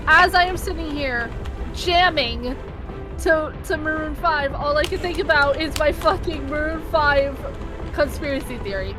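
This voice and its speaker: Teasing high-voiced woman streamer. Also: a little slow. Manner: teasing and amused, laughs often. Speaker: streamer co-host. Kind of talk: casual live-stream chat. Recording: game music behind the voice. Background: game music.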